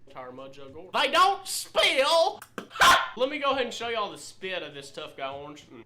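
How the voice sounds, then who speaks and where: A man hosting a sponsored product video, talking loudly and crudely with lots of swearing. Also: a little high, big pitch swings, fast talker, very noisy. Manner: loud, brash and crude, swearing and shouting. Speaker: YouTuber reviewing spit jugs.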